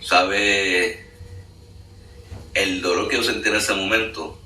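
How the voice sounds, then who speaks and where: A man's voice: sits low, steady tone, slow, bright, forceful tone. A man giving an earnest spoken testimony, full of fillers. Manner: earnest, storytelling with many fillers. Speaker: guest sharing a testimony. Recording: echoey room, distant mic, faint noise.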